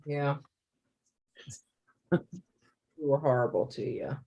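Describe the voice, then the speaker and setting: A woman co-hosting a casual late-night sewing chat, playful and quick to laugh. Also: sits low, highs cut off. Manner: playful, laughs easily, makes silly sound effects. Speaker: co-host.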